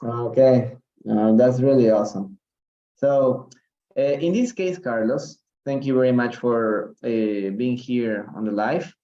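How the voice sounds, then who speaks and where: On a livestreamed reading class, a man from Peru cheers on his English students, hesitating often and leaning on fillers, sometimes shifting to Spanish. He speaks at a measured pace in a medium-pitched, dark-toned voice, and the call audio has its highs cut off.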